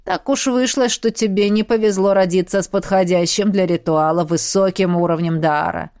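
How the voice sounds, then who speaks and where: A woman reading an audiobook, voicing a mad, cruel villainous queen who taunts slowly and savors her words. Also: on the low side, steady tone, darkish tone, no echo, clean studio sound, natural voice. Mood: gloating. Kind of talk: audiobook character voice.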